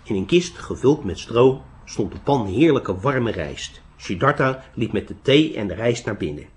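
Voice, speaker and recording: Expressive man reading a storybook. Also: mid-range voice, normal speed. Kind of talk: storybook narration.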